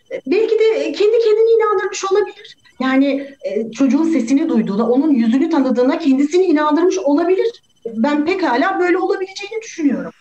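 A woman's voice: high-pitched, dark tone. A woman playing a pleading, sympathetic juror. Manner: pleading, emphatic. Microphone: video call. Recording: roomy, dull video-call audio.

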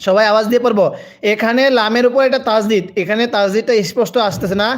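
A man's voice: high-pitched, fairly even intonation, quick pace. A man who teaches Quran reading live, spelling out letters and vowels, drawing out each word, and urging listeners to read aloud with him. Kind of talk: live Quran reading lesson, call-and-repeat.

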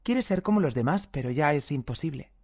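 A reader giving a calm, measured audiobook reading of first-person testimonies, reading the translator's footnotes aloud as well. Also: medium pitch.

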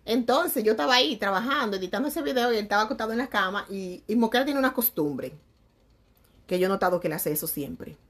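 A young woman chatting to her viewers, lively and laughing, with crude slang and sudden swings between loud and soft. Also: medium pitch, quick pace. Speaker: vlogger. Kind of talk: casual chat to viewers.

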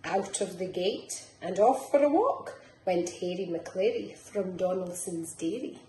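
Reading a picture book aloud to little children, this middle-aged Scottish woman sounds like a nursery teacher, lively and sing-song in rhythm. Her lowish voice is mellow and her pace is measured. She is in a small living room, and the audio carries a roomy echo with faint background noise.

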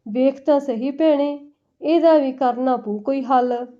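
A woman's voice: high-pitched, unhurried. A woman voicing a sullen, grumbling young sister-in-law who talks curtly. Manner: curt, grumbling. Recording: dull lo-fi recording.

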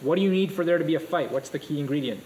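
A man's voice: a little high, very fast, rough recording. Upbeat man teaching a class. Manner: energetic, asks the class questions. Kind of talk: live classroom lecture. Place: classroom with students.

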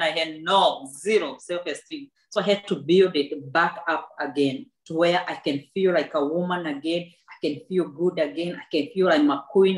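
This rough, roomy recording captures a thirtysomething woman author, a book club guest, giving a personal testimony before a backdrop indoors. She speaks at a fairly low pitch, earnest, reflective and faith-filled, frequently starting her sentences over.

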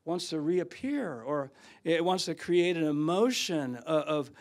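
An older man preaching a sermon in a church, telling stories and swinging from loud outbursts to hushed asides. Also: fairly high pitch, lively intonation, unhurried. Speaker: guest preacher. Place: church sanctuary.

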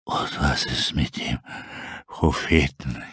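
A man's voice: rumbling low, steady tone, slow pace, a bit bright, breathy edge, dry recording, pitched below the performer's own voice, full character voice. A man voicing a starving, delirious old male wolf who talks in a weak, gasping, breathless voice.

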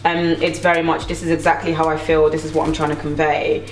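A young adult woman, a singer, hosts a casual cooking video in her home kitchen, chatting away and teasing playfully. Her low voice moves little in pitch, and she talks fast. The mic sits at a distance, picking up roomy kitchen echo and a little hiss or hum.

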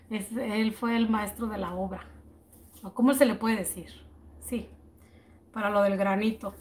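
A woman hosting a baking channel live stream, chatting casually with viewers, greeting them by name with slow drawn-out words and thinking aloud as she works out prices. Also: mid-range voice, fairly even intonation, a little mellow.

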